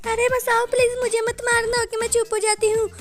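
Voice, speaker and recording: A man's voice: very high-pitched, monotone, a little fast, fairly bright tone, voice pushed up. A man voicing a frightened little cartoon girl who keeps pleading in a whimpering voice. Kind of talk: cartoon voice over gameplay.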